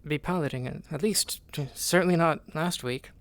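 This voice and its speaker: A man talking casually in character during an online roleplay, halting and repeating words as he restarts. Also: a little high.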